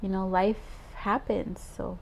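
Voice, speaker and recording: A woman's voice: mid-range voice, flat delivery, a little slow, vocal fry, a little hiss or hum. A woman in her twenties co-hosting a podcast, chatting casually and laughing often between thoughts. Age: 20s. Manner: giggly, chatty, frequent "um" and "like". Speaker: podcast co-host. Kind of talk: casual chat.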